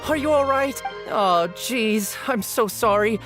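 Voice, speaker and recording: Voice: medium pitch, slow, fairly bright tone, soft background music. An actor playing an apologetic, earnest young newspaper seller in a video game, chatty and easily flustered.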